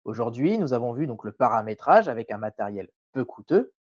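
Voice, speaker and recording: A man presenting a scripted tutorial voice-over in a measured, didactic way, carefully enunciated. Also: mid-range voice, very animated, no room sound, lo-fi sound.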